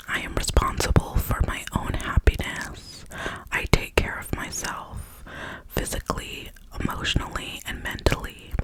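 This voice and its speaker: Young adult ASMR voice, whispered pep talk, unhurried and reassuring, crisp mouth clicks, close to the mic. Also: poor audio. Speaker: ASMR creator.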